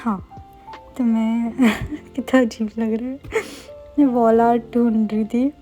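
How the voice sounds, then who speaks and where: Young woman vlogging, fast and chatty, bit high but warm and mellow, jokes about herself. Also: flat delivery, faint music behind. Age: young adult. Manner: self-mocking, playful asides. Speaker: medical student vlogger. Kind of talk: casual vlog chat. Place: student hostel room.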